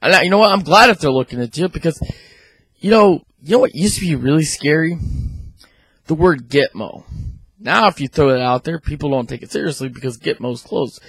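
Husky man ranting, mouth sore from surgery. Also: a little high, expressive, a little fast, a bit bright, no room sound. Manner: indignant, rhetorical questions. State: talking a little funny and subdued after oral surgery. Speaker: video blogger. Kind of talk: opinionated rant to camera. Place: small room at home. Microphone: handheld microphone close to the mouth.

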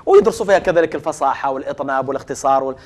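A man's voice: medium pitch, expressive, racing. A middle-aged man giving a televised religious lecture, speaking emphatically, repeating key phrases and addressing his students directly. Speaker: lecturer on Arabic language sciences.

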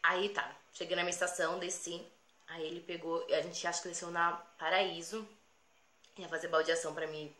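A young woman rattles through a personal story at a quick clip. Her voice is bright and a little low. The room is echoey, with faint ambience behind her. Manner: animated, repeats phrases. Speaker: vlogger. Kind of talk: casual storytelling.

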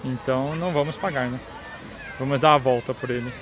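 A travel vlogger in his thirties with a Brazilian Portuguese accent walks through a busy town square and park, chatting and pointing things out. His medium-pitched voice is steady and fairly quick, recorded on a phone held at arm's length amid crowd and street noise.

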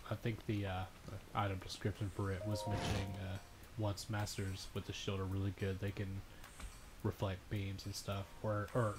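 A very deep-voiced co-host trades crude, sarcastic jokes during a let's-play. Clear music plays behind the talk. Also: flat delivery, normal speed, poor audio. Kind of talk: casual gameplay commentary.

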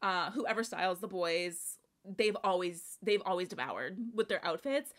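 A young woman giving casual reaction commentary on a music video, excitable and gushing, swearing casually and trailing off into restarts. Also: on the low side, a little slow. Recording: faint music playing behind. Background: faint music.

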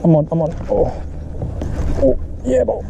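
A young South African man in his late teens runs an excited fishing vlog from a small boat on a lake, calling out and whooping whenever a fish hits. His voice sits a little high with a gravelly fry at the ends of phrases. It is caught on a head-mounted action camera with plenty of outdoor wind and water noise around him. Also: a little slow, highs cut off. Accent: South African English. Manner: excitable, whoops and repeats himself when a fish bites. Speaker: fishing vlogger.

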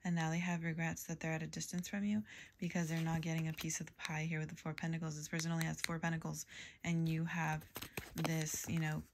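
A woman giving a tarot reading to a general audience, in a calm, even delivery with soft whispered asides. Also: deep voice, fast talker, noisy background. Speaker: tarot reader.

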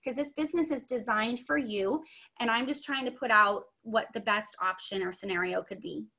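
A young woman leads a sales training over a video call, her voice a little high and very bright. She talks in a chatty, upbeat way and drifts into friendly asides. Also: normal speed. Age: young adult. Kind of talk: online training session.

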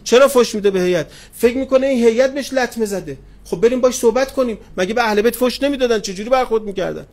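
Brief: high-pitched middle-aged male preacher telling stories in a sermon, affectionate with his listeners. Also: few pauses, a little mellow. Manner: addresses listeners tenderly, retells anecdotes with quoted dialogue. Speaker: cleric preacher. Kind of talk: sermon with storytelling. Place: religious gathering hall.

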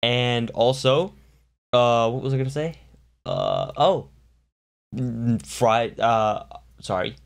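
A man's voice: medium pitch, fairly even intonation, slow, clear, resonant tone. A man co-hosting a casual unscripted chat who rambles and loses his train of thought. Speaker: co-host.

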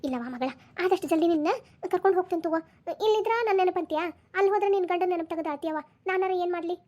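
A woman's voice: very high-pitched, very fast, warm tone, muffled recording. A woman voicing an older mother who comforts her daughters with soothing, practical words, in a Dharwad Kannada accent. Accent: North Karnataka (Dharwad) Kannada.

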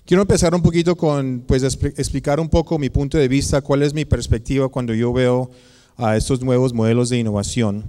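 A man's voice: mid-range voice, fairly even intonation, fairly quick, mellow. A man in his forties, raised in the United States, giving a conference lecture at a podium mic with frequent hesitations and fillers. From Colombia, raised in the United States. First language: Spanish kept as heritage language, raised in English. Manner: hesitant, many filler sounds and restarts. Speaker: guest lecturer, business professor. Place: large auditorium with audience. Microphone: podium microphone. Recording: long reverb of a large hall.

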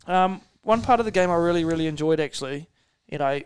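A man with a New Zealand accent, co-hosting a casual podcast chat, excitable and laughing often, tripping over his words. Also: fairly high pitch, fast talker, clear, resonant tone. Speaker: podcast co-host.

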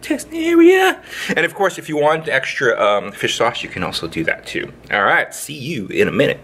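Host, male, cooking vlogger: lively rambling delivery, bright voice, faint room hiss. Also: fairly high pitch, moderate pace, husky. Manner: playful, rambling, with sing-song sound effects. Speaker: home cook, channel host. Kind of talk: casual cooking demo. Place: indoor kitchen, overhead camera on hands.

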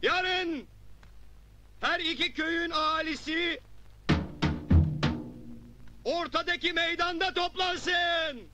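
A loud village town crier in a film comedy. He proclaims slowly in a very high, stretched-out voice, with loud drum music around him. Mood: proclaiming. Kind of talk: drawn-out public proclamation.

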